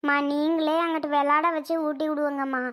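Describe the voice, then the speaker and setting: Cartoon young mom voiced by a woman, bewildered, fretful, high voice. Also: flat delivery, fast talker, a bit bright. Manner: complaining, bewildered. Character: young mother with lost memory, confused and fretful. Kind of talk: cartoon voice acting.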